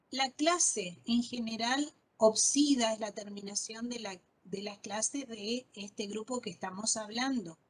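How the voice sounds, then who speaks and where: A woman's voice: mid-range voice, slightly rough, rough recording. A woman teaching a botany class, patiently spelling out terms and checking understanding with frequent questions. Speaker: botany lecturer. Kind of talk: online class lecture.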